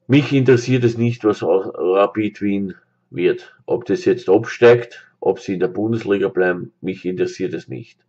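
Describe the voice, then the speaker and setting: A man's voice: on the low side, normal speed, a little mellow. Viennese man, emphatic and repetitive, fillers, lo-fi webcam recording in a small room. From Austria. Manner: emphatic, repeats points, many fillers. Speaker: football fan vlogger. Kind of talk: opinion monologue to camera. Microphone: webcam close up. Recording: dull lo-fi webcam audio.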